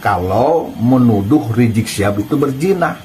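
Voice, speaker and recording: A man's voice: medium pitch, expressive, normal speed, mellow, a little hiss or hum, rough recording. A man giving casual online commentary in a mocking, taunting way, firing pointed questions.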